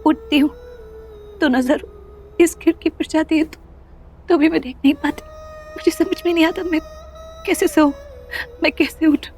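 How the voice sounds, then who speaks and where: A woman's voice: high-pitched, normal speed, pauses often, a little mellow, a little hiss or hum, lightly acted. An actress playing a troubled young wife who confides in her sister in an emotional, pleading way. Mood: restless sorrow. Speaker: lead heroine in a TV serial.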